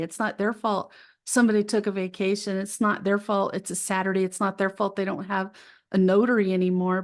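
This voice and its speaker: A woman podcast host chatting casually with her guest and telling a light, laughing anecdote. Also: mid-range voice. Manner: friendly, laughing storyteller. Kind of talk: casual conversational interview.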